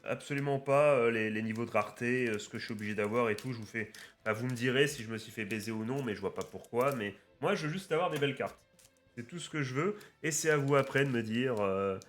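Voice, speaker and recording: An excitable man talking straight to his viewers as he rips open card packs, mid-pitched and prone to cheerful swearing. His chat is loose and rambling. Soft music plays faintly underneath. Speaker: card-opening YouTuber. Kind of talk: casual unboxing commentary. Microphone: webcam setup at a desk.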